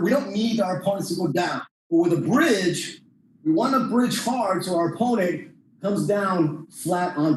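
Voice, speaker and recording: High-voiced male martial arts coach, very echoey. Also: darkish tone. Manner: informal, explanatory, step-by-step. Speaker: jiu-jitsu instructor. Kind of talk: hands-on class demonstration. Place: indoor training room. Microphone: distant camera microphone. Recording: distant mic, very echoey room, faint noise.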